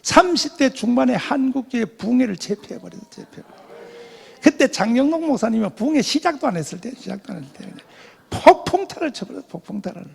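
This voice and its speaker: A male pastor giving a sermon testimony, telling his story in an animated way with loud emotional bursts. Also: very high-pitched, fast talker, vocal fry, husky.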